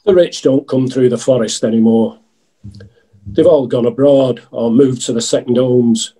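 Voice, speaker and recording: A man playing an earnest, genial out-of-work outlaw in a pantomime sketch, with a husky voice. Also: medium pitch, moderate pace, mellow, natural voice. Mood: matter-of-fact.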